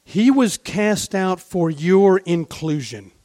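A man preaching a sermon with fervour, posing rhetorical questions and moving between hushed and raised delivery. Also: high voice, animated, slow pace, no room sound, studio quality.

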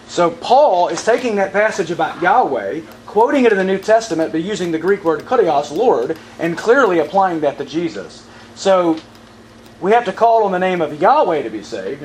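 Emphatic higher-voiced male Bible teacher. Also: slight background noise, rough recording. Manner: emphatic, asks the audience questions and repeats verses. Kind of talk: sermon-style Bible teaching.

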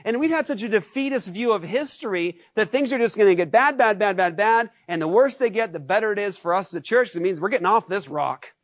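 Pastor, male, animated sermon delivery with rhetorical questions, dry sound. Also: sits high, fast, hardly any pauses, dry recording. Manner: acts out shouted scenes.

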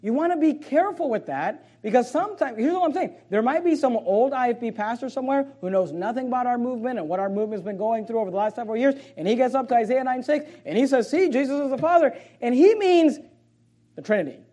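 A man preaching a sermon as pastor, emphatic and at times sarcastic, with quick swings in volume. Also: very high-pitched, expressive, mellow.

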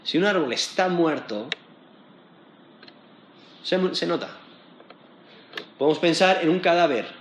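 A man preaching a sermon, teaching from scripture and rising to emphatic high points when he quotes it. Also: lively intonation, a little slow, long pauses, roomy sound, a little hiss or hum.

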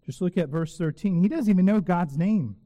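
Mellow-voiced male preacher in a reverberant church. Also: high-pitched. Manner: earnest preaching with slow, emphatic repetition. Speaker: pastor. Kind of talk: sermon. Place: church sanctuary. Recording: long reverb of a church hall.

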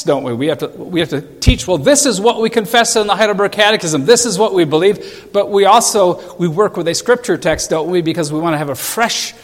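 A male pastor preaching a sermon in a church, emphatic and repeating phrases for stress. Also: high voice. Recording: long church reverb.

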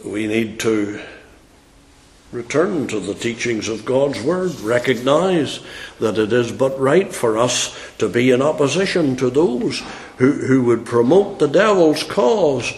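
A man preaches slowly and deliberately, his voice swelling into fiery, emphatic outbursts. He sits at a middle pitch, and the church room around him gives off a clear echo. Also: expressive, darkish tone. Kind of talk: sermon.

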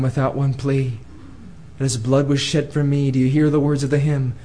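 A male preacher giving an impassioned sermon in a church, pleading and calling out, then dropping to a hushed tone. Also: medium pitch.

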